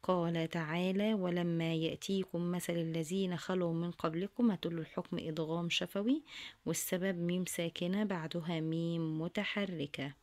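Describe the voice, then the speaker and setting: A woman with an Egyptian accent walks students through workbook answers at a quick clip. Her voice sits a little low for a woman. She reads each question, dictates the answer and then says it again. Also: fairly even intonation, darkish tone. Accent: Egyptian Arabic. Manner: addresses students fondly, repeats each answer. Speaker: teacher.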